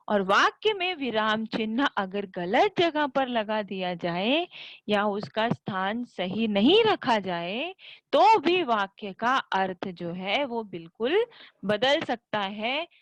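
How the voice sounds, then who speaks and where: A woman's voice: mid-range voice, very animated, slow pace, a bit bright, dry recording, poor audio. A woman teaching a school grammar lesson, patiently explaining step by step with examples.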